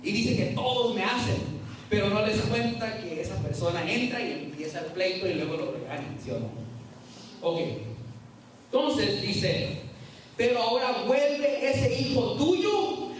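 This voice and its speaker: High-voiced man preaching in an echoey hall. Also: expressive, moderate pace, a bit bright, a little hiss or hum. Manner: preaching with dramatic shifts and acted-out quotes. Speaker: retreat speaker. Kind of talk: sermon. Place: large hall at a retreat. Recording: echoey hall, distant from the mic.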